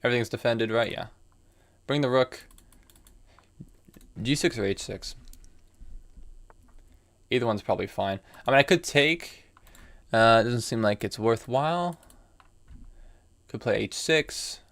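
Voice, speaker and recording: Here a chess streamer from the United States, a man in his early twenties, talks through his moves live and chats casually with viewers in a musing tone. His medium-pitched voice is a bit bright, and he speaks unhurriedly with frequent pauses.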